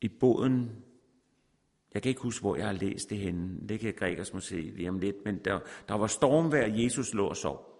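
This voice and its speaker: A man's voice: lowish voice, lively intonation, a little mellow. A man preaching a sermon, repeating words for emphasis and reading scripture aloud. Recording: long reverb in a large hall.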